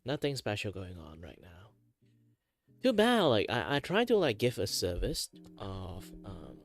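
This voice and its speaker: A man's voice: lowish voice, wildly swooping pitch, unhurried, creaky. A man hosting a livestream in casual chat, rambling and hesitant with a self-deprecating manner. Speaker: livestream host, virtual streamer. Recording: music playing behind the voice. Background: background music with guitar.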